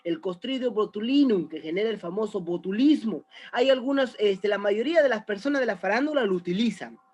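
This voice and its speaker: A man's voice: sits high, expressive, a little fast, a little mellow. A man teaching a recorded biology lesson, chatty and often checking in with the student. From Peru.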